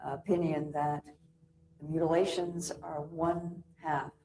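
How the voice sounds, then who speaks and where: A woman giving a measured documentary interview, her voice muffled and underwater-sounding from a poor stream of old tape. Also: low-pitched, level tone, dark tone. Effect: muffled underwater-sounding audio from a bad stream. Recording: echoey old VHS tape playback with faint hiss.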